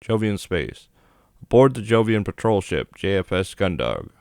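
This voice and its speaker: The host's voice is fairly low and darkish in tone, with big pitch swings at a normal speed, recorded with clean studio sound and no room echo. He gives casual, plainspoken commentary on a game playthrough and reads story text from the screen as game music plays behind him.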